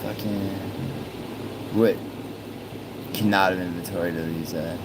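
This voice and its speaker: A man hosts a casual livestream, reading out viewer messages as he goes. He rambles, swears freely and lets sentences trail off. A steady air-conditioning hum runs underneath. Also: low-pitched, a little slow. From born in Italy, raised in New York. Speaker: livestream host.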